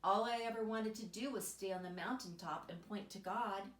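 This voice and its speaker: A woman's voice: medium pitch, moderate pace, lightly acted. A woman voicing a devout, determined young female tree in a storybook, earnest and emphatic, with room echo around her. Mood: confused, wistful. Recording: roomy echo, distant microphone.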